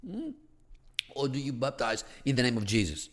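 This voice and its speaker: In a large hall, a Greek-raised theology academic speaking as a podcast guest gives a conversational, thoughtful account of religious history. His medium-pitched voice is very animated at a moderate pace, full of restarts and "you know" fillers, with rising emphasis on key points.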